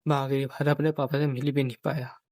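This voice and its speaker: A man's voice: mid-range voice, little pitch movement, fast, a little mellow, no echo. A young man, a vlogger, talking about a painful personal memory and often repeating his phrases as he tells it. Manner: grieving, repeats phrases, quotes others in dialogue. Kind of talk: personal storytelling vlog.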